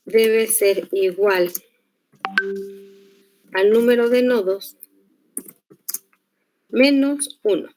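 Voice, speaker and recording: A woman's voice: fairly high pitch, a little mellow, a little hiss or hum. A woman teacher giving a lecture, explaining step by step and checking in with her students. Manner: slow, patient explaining with check-in questions. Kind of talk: online class lecture on electric circuits.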